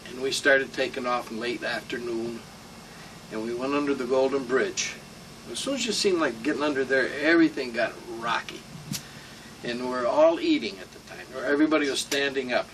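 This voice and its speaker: Elderly American veteran reminiscing, distant mic. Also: male voice, medium pitch, creaky, fairly bright tone. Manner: old veteran remembering, rambling anecdotes with salty asides. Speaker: war veteran being interviewed. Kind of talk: informal oral-history reminiscence. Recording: distant mic with room hum.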